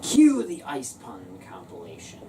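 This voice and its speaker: Low-voiced sarcastic woman reviewing a film. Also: wildly swooping pitch, measured pace, a crowd in the background. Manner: sarcastic, bursts into shrieking laughter. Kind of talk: casual comedic movie review. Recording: distant mic with noisy background.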